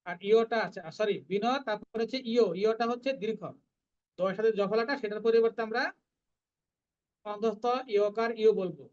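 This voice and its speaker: A recitation teacher, explaining pronunciation syllable by syllable and chanting the verses in slow, drawn-out tones. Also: mid-range voice, fairly even intonation, a little mellow, lo-fi sound. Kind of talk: online class teaching Sanskrit verse pronunciation.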